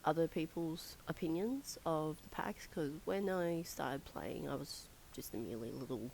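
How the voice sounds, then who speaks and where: A woman's voice sits a little low and sounds hoarse and croaky from being ill. She rambles casually as she comments over her gameplay, pausing on fillers and breaking into soft laughs. A faint hiss runs underneath. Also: poor audio. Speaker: gaming channel host.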